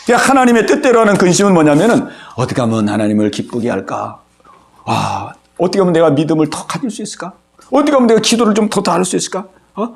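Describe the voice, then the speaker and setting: Lively high-pitched preaching pastor. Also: male voice, fast, gravelly. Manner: animated preaching, acts out inner worries and prayers; calls on congregation by name, asks for amens. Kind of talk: sermon. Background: congregation answering amen.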